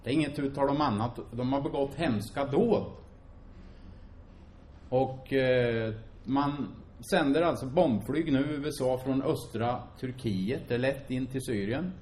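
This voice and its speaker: A man preaching a sermon to a congregation, emphatic and animated, asking rhetorical questions and repeating phrases for effect. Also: medium pitch, a little hiss or hum. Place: church hall before a congregation.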